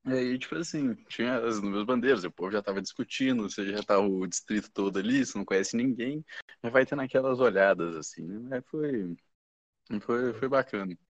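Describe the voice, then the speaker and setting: A man's voice: mid-range voice, fairly quick, dry recording. A young man with a Brazilian Portuguese accent telling stories in a loose, rambling way as a podcast guest, full of slang fillers. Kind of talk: casual chat. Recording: dull, muffled podcast audio.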